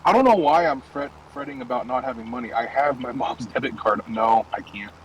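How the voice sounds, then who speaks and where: A man's voice: mid-range voice, a little fast, a little hiss or hum, rough recording. Young man swearing casually from his car. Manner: loose, profane, rambling storytelling. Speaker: streamer. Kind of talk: casual chat while gaming and driving.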